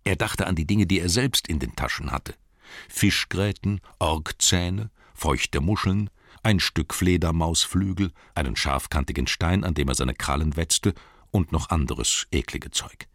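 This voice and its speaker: A man narrating an audiobook in a measured storytelling manner. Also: deep voice, a bit bright, no echo, studio quality.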